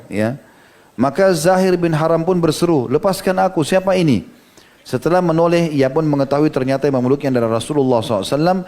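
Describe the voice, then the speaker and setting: Fast-talking male preacher. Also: medium pitch, warm tone. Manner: storytelling lecture, quoting hadith, frequent "ya" asides. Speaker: Islamic preacher. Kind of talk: sermon.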